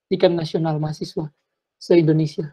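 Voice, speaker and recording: A man with a warm, slightly high voice answers questions fairly quickly in a flat delivery, his earnest replies sounding like a sermon. He repeats words and mixes in English, all over dull, lo-fi video call audio.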